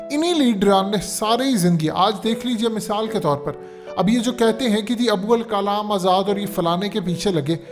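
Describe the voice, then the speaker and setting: A man's voice: high voice, normal speed, soft background music. A man from Pakistan, giving emphatic, lecturing political commentary as a show's host. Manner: emphatic, lecturing, repeats "dekhiye".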